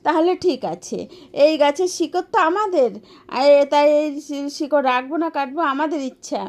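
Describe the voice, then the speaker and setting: A woman's voice: high voice, normal speed, a little mellow, natural voice. A woman voicing a shrewd young farmer wife who schemes and gives firm orders. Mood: sly. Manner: firm and commanding.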